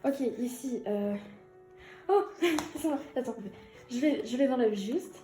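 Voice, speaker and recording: Young woman unboxing stuff, excited and giggly, kinda high voice, echoey room w faint music. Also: measured pace. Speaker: YouTuber unboxing an album. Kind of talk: casual unboxing vlog.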